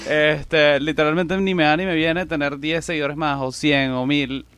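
A man with a Venezuelan accent co-hosting a podcast, talking in a quick, slangy, reflective way. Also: fairly high pitch, fairly even intonation, fairly bright tone, smooth, no echo. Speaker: podcast co-host. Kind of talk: casual podcast chat.

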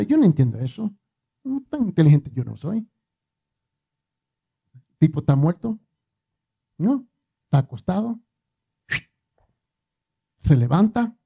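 A male preacher delivers a sermon in a chatty manner, joking with the congregation. He leans on repeated words for emphasis. His slightly high voice has a gravelly grain and a husky edge. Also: warm tone.

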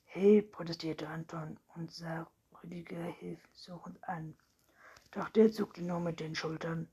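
A woman with a very breathy voice narrating a children's storybook in a soft, half-whispered reading. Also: deep voice, level tone, measured pace, low-quality recording. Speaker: audiobook narrator.

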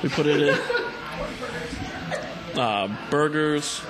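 A man's voice: fairly high pitch, takes it slowly. A man speaking as a hot sauce maker in casual, laid-back product chat with brief remarks. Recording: loud music behind the talk. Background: music.

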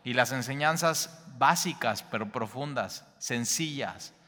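A man's voice: medium pitch, measured pace, pushed and bright, big-room sound. A man preaching a Bible teaching sermon, speaking straight to the listener and repeating key phrases for emphasis.

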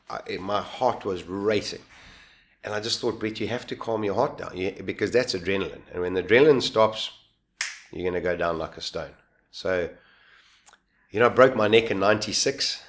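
A low-voiced man shares a survival story as an interview guest, casual and animated. He often breaks off to restart his sentences and chuckles at his own expense.

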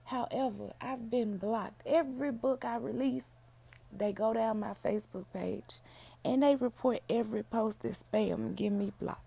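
Raspy, hoarse woman podcaster. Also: a little high, moderate pace, mellow. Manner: down-home, addresses listeners as y'all and baby. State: hoarse, feeling unwell. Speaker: podcast host, book reviewer. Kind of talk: casual solo podcast chat.

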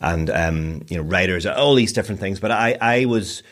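Speaking at a moderate pace, this man in his 40s from Northern Ireland, a broadcaster and DJ, is a guest in a casual interview. His voice sits low yet has a fairly bright tone, and his talk rambles with self-deprecation and frequent restarts.

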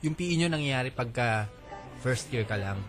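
A man's voice: mid-range voice, lively intonation, moderate pace, music in the background. A male radio host giving mock-serious joking advice and reading listener messages. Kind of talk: comedy radio banter.

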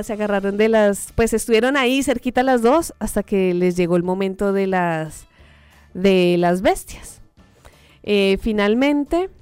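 A woman telling a story in a casual, animated way, full of fillers and acted-out reactions. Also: on the high side, no room sound.

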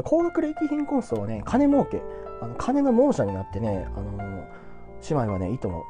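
A man giving blunt, self-assured career advice in a casual solo talk to viewers, chatty and full of little asides. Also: mid-range voice.

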